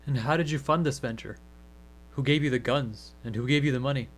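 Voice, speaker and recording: A man's voice of average pitch. An actor plays a sceptical government agent in a radio play, interrogating in a blunt, offhand, natural way. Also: brisk, lightly acted. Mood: probing, offhand.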